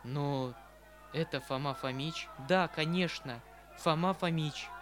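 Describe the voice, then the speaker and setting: A man's voice: fairly high pitch, slow pace, music in the background. A man reading aloud, voicing the lines of an earnest, proud young woman in a scripted audiobook narration. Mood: puzzled.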